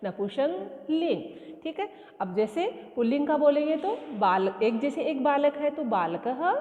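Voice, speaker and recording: A woman teaches a school lesson, working through exercises step by step and asking questions she answers herself. Her voice sits high, and the tinny, phone-like recording carries a long reverb, as if made in a large bare room. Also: big pitch swings, a little mellow. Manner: asks questions and answers them herself, slow repetitive explaining. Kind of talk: classroom lesson explaining exercises.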